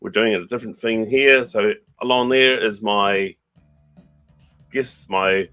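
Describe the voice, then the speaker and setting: A man's voice: fairly low pitch, slow pace, sharp tone, no echo, soft background music. A man with a broad New Zealand accent hosting a podcast in casual, matey, slangy chat. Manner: blokey, matey, slangy address. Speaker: podcast host.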